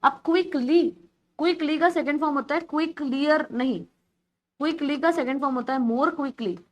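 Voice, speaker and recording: A woman's voice: high voice, normal speed. A woman teaching grammar in an online exam-prep class, explaining patiently in Hindi mixed with terms, repeating key words and calling her students beta.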